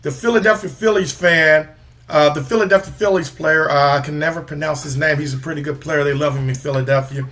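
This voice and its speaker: A man co-hosting a casual sports podcast, animated and teasing as he mocks rival baseball teams. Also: a little high, a little fast. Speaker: podcast co-host.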